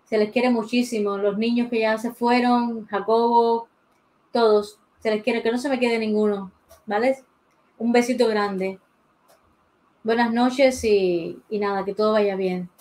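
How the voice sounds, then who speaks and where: A woman's voice: fairly high pitch, fairly even intonation, a little slow, a little mellow, low-quality recording. Chatty woman teaching drawing live. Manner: chatty, thinks aloud while drawing, greets viewers by name. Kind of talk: casual live drawing tutorial. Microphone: desk mic beside the pencil sharpener.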